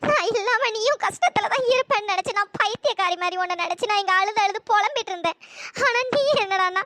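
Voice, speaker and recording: A voice actor playing a young wife in a cartoon story, heartbroken and bitter, with a high pitch-shifted voice. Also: pushed and bright, slight background noise, exaggerated voice. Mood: weeping. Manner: wailing then scornful.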